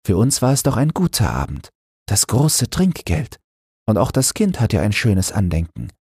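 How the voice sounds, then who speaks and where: Man putting on a gentle old boatman's wife. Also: lowish voice, sing-song, normal speed, husky, no room sound, studio quality, pitched above the performer's own voice, exaggerated voice.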